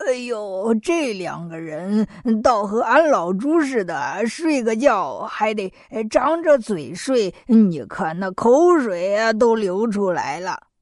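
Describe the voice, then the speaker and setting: A woman's voice: mid-range voice, big pitch swings, slow, few pauses, darkish tone, no echo, clean studio sound. A woman voicing a clumsy, simple-minded pig-monk in a children's storybook audio, with rustic folksy talk. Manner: rustic folksy talk, calls himself 俺老猪.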